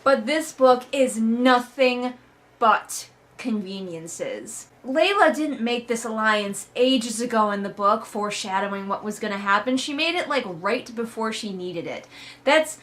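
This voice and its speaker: A woman with a slightly high, fairly bright voice hosts a read-along with casual comedic commentary. She sounds sarcastic, emphatic and exasperated, talking in a conversational way and swearing freely.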